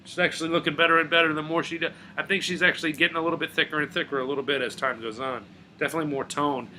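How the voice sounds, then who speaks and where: Bright-voiced man ranting casually. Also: a little high, fairly even intonation, very fast, slight background noise. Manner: rambling, profane, swings between mumbling and loud outbursts. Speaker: video blogger. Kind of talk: casual rant to camera.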